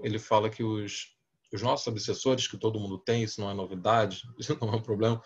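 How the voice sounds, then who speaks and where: Brazilian man, mid-pitched spiritist speaker with a restrained deep voice, casual storytelling manner, dull lo-fi audio. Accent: Brazilian Portuguese. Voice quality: deep booming voice held back to a gentler volume. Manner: conversational and anecdotal, acting out quoted exchanges. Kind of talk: talk to a spiritist audience.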